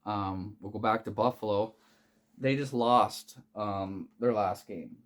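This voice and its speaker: A man's voice: lowish voice, takes it slowly. A man casually talking through his college basketball betting picks, rambling and swearing, with many fillers and restarts. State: hiccuping. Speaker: sports betting picks host. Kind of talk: casual unscripted sports betting talk.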